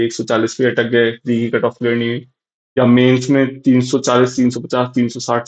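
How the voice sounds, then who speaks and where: A young man giving casual, rambling exam advice, full of fillers and restarts. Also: medium pitch. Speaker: exam prep youtuber. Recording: slightly dull lo-fi audio.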